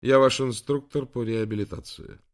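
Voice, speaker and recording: A man's voice: medium pitch, steady tone, moderate pace, voice pushed up, lightly acted. A man voicing a brash young male rehab trainer with an Andalusian accent, talking in clipped, blunt phrases.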